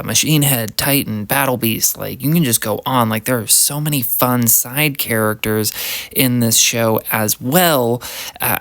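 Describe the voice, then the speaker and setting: A man's voice: medium pitch, smooth, no echo. A man giving a casual, enthusiastic review monologue, rambling and filling his sentences with "like". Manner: enthusiastic, rambling, heavy use of "like".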